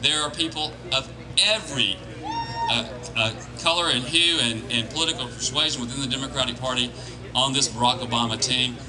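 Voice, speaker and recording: A plain-spoken man giving an informal political speech as a campaign organiser, with halting restarts. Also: mid-range voice, steady tone, poor audio. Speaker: campaign organiser addressing volunteers. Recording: crowd noise behind live speech. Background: crowd.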